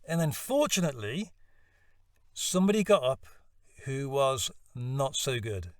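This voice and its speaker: A man's voice: mid-range voice, big pitch swings, unhurried, no room sound, studio quality, far from the mic. Reflective man telling a story. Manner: reflective, self-deprecating storyteller. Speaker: voice-over hopeful vlogger. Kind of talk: personal storytelling vlog.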